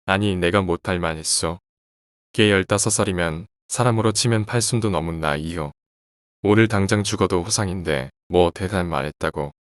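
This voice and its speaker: A man voicing a sharp-tongued, dismissive middle-aged housewife while reading a horror story aloud. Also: low-pitched, normal speed, dry recording, studio quality, lightly acted. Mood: scolding. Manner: scolding, dismissive.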